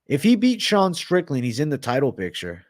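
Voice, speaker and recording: A man's voice: on the high side, wildly swooping pitch, normal speed, no echo, clean studio sound. A man hosting a casual livestream Q&A, reading viewer comments and talking bluntly with some swearing. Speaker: livestream host.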